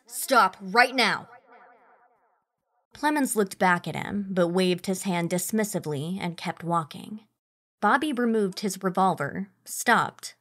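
A woman reading a scripted horror story as narrator, in a measured, dramatic way. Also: on the low side, a bit bright. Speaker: narrator and producer.

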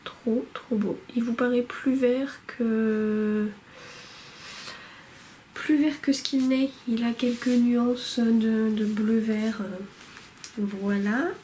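Lady doing a yarn haul at home, slow and mellow, lots of euhs, bit of room noise. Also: on the high side, steady tone, rough recording. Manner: chatty, hesitant, many fillers and restarts. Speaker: knitting vlogger showing yarn purchases. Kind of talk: casual show-and-tell vlog. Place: home room lit by a window.

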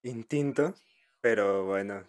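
A man's voice: lowish voice, slow pace. A man, casually reacting to anime as an amused fan, in short bursts into a desk microphone. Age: 20s. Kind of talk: casual live reaction commentary. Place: small home streaming room. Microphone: desk microphone close in front.

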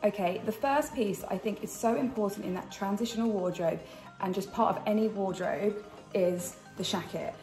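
A woman's voice: medium pitch, normal speed, music in the background. A British woman in her thirties hosting a chatty fashion vlog, speaking with a slight impediment from the dental retainers she is wearing. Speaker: fashion channel host. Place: indoors in a kitchen. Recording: roomy kitchen echo.

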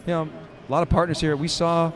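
A man's voice: fairly high pitch, flat delivery, fast. A middle-aged man co-hosting live event commentary from a conference studio booth, talking analytically with plenty of fillers. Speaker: tech show co-host. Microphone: handheld stand mic. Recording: busy crowd noise behind.

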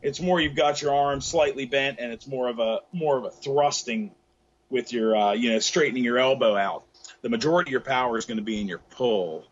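Through a laptop webcam, with lo-fi sound and slight background noise, a middle-aged fishing expert explains surf fishing from a tackle shop during a casual video-call interview. His medium-pitched voice runs a little fast, peppered with fillers and restarts.

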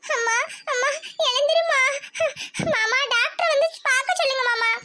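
Brief: woman voicing a frightened cartoon village girl, very high, quick and pleading. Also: fairly even intonation, fairly bright tone, a little hiss or hum. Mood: tearful pleading. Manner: pleading, crying out for her mother. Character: frightened young village girl Jothi, tearful. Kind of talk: cartoon voice acting.

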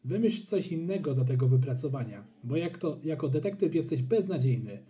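A man's voice: on the high side, lively intonation, brisk, mellow, close to an everyday voice. A man doing a blunt mocking schoolboy. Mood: teasing. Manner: blunt, teasing.

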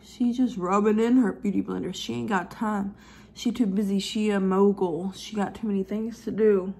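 Woman, 20s, makeup vlogger: giggly drunk, animated and slangy, chatty rambling delivery. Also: mid-range voice, moderate pace, vocal fry, husky. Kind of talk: casual chatty makeup tutorial. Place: living room at home, high ceiling.

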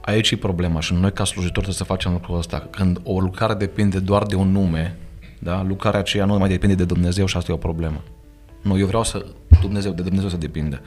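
Deep earnest Romanian preacher. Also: male voice, steady tone, a little mellow, soft background music. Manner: earnest, emphatic, quotes scripture. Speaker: pastor and guest. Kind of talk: podcast conversation, preaching manner. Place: studio.

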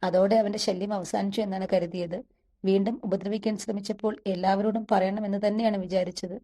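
Frightened young woman, voiced by the woman narrator, tearful and pleading, mellow tone, storybook read. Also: on the high side, fairly even intonation, moderate pace.

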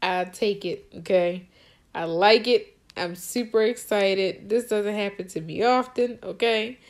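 Squealing, gasping and cheering the game on out loud, this young adult gaming host gives excited commentary on her play. Her voice sits at a medium pitch and moves at an unhurried pace.

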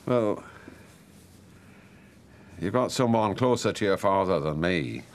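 A humble, kindly man in his sixties with a Northern English accent. His middling voice is creaky and rises and falls freely. It is naturalistic soap drama, easily moved and tender. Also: low voice, lively intonation, slow pace, exaggerated voice.

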